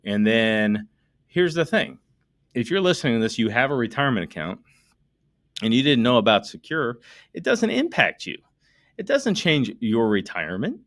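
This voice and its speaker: A man's voice: mid-range voice, very animated, normal speed, no room sound, studio quality. A middle-aged American man, an estate planning attorney, explaining a topic to listeners in an emphatic monologue full of rhetorical questions. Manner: emphatic, talks directly to listeners; works through numbers out loud, rhetorical questions.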